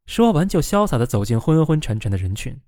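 A man's voice: mid-range voice, very animated, brisk, a little mellow, no echo, clean studio sound. A man reading a novel aloud as narrator, giving the quoted characters a raised voice.

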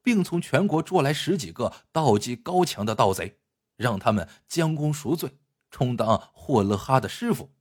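A man telling a historical legend with dramatic, expressive narration. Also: medium pitch, normal speed, breathy edge. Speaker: storyteller.

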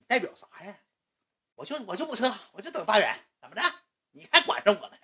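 A man's voice: high-pitched, very animated, fast, sharp tone, pitched above the performer's own voice, full character voice. A man doing a sneering rowdy young fan. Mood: defiant sneering. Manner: sneering, combative. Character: rowdy young male fan, defiant and mocking.

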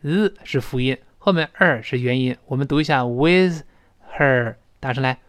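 A man teaching an English lesson, explaining pronunciation step by step, slowly repeating example words and asking his listeners rhetorical questions. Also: medium pitch, a bit bright, no echo, clean studio sound. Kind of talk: recorded language lesson.

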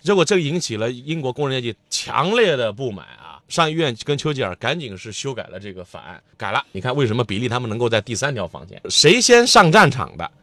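A man's voice: mid-range voice, big pitch swings, quick pace, few pauses, bright, forceful tone, dry recording. A man co-hosting a history podcast, explaining background in a casual conversational way. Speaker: podcast co-host.

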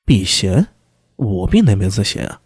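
A sharp-witted young constable captain, voiced by a male audiobook reader talks in a casual, wry way. His voice is husky and swings freely in pitch. The sound is dry and close. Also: big pitch swings, unhurried, no room sound, heavily acted.

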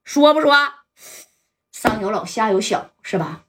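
A woman's voice: mid-range voice, lively intonation, measured pace. A woman voicing a hot-tempered male gangster who interrogates and threatens a captive. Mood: menacing. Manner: menacing, interrogating.

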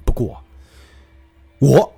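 A man's voice: extremely slow, mellow, soft background music. A man voicing a sadistic grown man who gloats over bullying children, in a smug, sneering manner.

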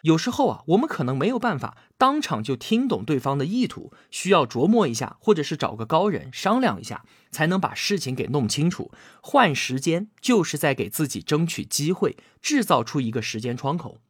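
A man's voice: a little high, sing-song, husky, dry recording, clean studio sound. A man narrating a scripted book explanation, often drawing out filler particles and acting out quoted lines. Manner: frequent drawn-out filler particles.

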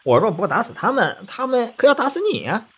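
A man voicing a cheeky, boastful male monkey king in a children's story, talking quick and teasing. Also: sits high, big pitch swings, a bit bright, breathy edge, voice pushed up, heavily acted. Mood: cocky.

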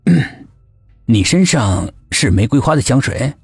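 A male storyteller voicing a terse, brooding police team leader who speaks slowly. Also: mid-range voice, lively intonation, slightly rough, no echo, soft background music, pitched below the performer's own voice. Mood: guarded. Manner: slow, terse.

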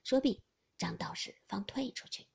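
A woman narrating a classic novel as an audiobook, with expressive, rhythmic phrasing. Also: mid-range voice, normal speed, vocal fry, slightly rough. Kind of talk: storytelling reading of a classic novel.

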